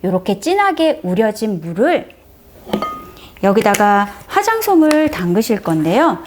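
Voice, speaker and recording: A woman's voice: medium pitch, very animated, unhurried, noisy background. A middle-aged woman chatting through a step-by-step home demonstration, friendly and explanatory, presenting for a brace clinic. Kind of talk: casual how-to demonstration.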